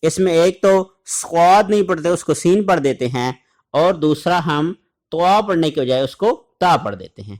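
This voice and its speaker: Man slowly drilling Quranic letter sounds. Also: fairly high pitch, animated, darkish tone. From Pakistan. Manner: slow, deliberate repetition of syllables, chanted recitation examples. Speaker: Quran recitation teacher.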